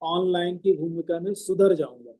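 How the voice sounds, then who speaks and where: A man teaching a scripture discourse at an ashram. He speaks loudly and emphatically and explains the verses term by term. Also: high-pitched, steady tone, moderate pace, low-quality recording. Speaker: spiritual teacher.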